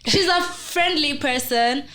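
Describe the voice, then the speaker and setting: A woman's voice: high voice, slow, bright, forceful tone. A young woman co-hosting a podcast in casual chat, playful and laughing often. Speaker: podcast co-host.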